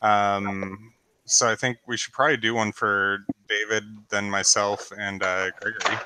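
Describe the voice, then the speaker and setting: A man steering a group video chat, speaking slowly and deliberately. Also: lowish voice, little pitch movement, bright, forceful tone, slight background noise.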